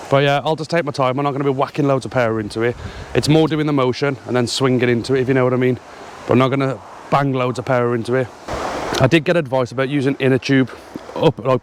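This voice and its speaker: A man's voice: medium pitch, slight background noise. A man vlogging about fishing outdoors in a field, slightly out of breath, talking casually with frequent ums to an action camera. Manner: chatty, hesitant, lots of ums. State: a little out of breath.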